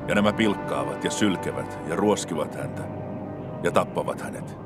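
A man voicing a calm, earnest grown teacher. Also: sits low, close to an everyday voice. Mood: solemn. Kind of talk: dubbed film dialogue. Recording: music playing clearly under the voice.

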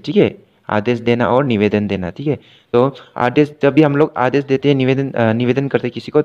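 A man teaching an English grammar class, explaining patiently and repetitively, checking in often and reading English examples slowly before translating them. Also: medium pitch, darkish tone, lo-fi sound. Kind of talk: recorded class lesson.

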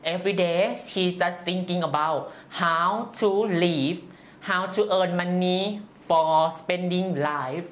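This guest, originally from northeast Thailand, answers personal interview questions in basic, hesitant English with a Thai accent. The voice has a medium pitch and a fairly bright tone.

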